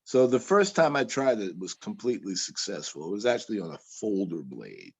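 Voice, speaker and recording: A man, a guest bladesmith, talking haltingly with restarts in a casual interview over a video call. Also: on the low side, very animated, gravelly, slightly rough. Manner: halting, with many restarts and fillers.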